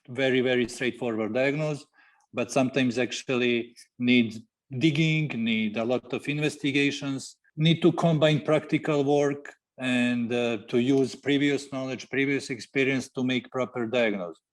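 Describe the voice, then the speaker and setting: Man in his forties, veterinarian guest, halting delivery, mid-pitched voice. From Serbia. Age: 40s. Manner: halting, many fillers, non-native grammar. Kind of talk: podcast interview.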